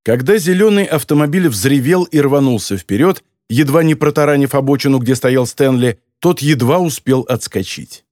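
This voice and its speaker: Brief: male audiobook narrator, animated and lively delivery, dry close sound. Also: medium pitch, normal speed, few pauses, no room sound. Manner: expressive storytelling. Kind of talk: scripted narration.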